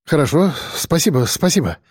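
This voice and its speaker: A man's voice: a little high, sing-song, a little fast, slightly rough, no room sound, clean studio sound. A man voicing a cowardly middle-aged doctor who babbles timidly and fawns.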